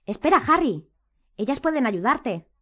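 A woman's voice: sits high, sing-song, moderate pace, sharp tone, voice pushed up, heavily acted. A woman reading an audiobook, voicing an anxious, bossy clever teenage girl who pleads and plans urgently.

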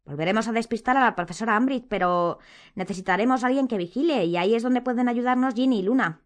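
A woman's voice: on the high side, fast, pitched above the performer's own voice, natural voice. A woman reading an audiobook, voicing an anxious, bossy clever teenage girl who pleads and plans urgently.

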